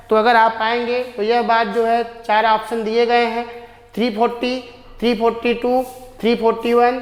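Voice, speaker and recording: A woman teacher explains exam answers in a rather high, flat voice. She reads the English questions slowly, then moves on. The room is echoey, with a long reverb tail.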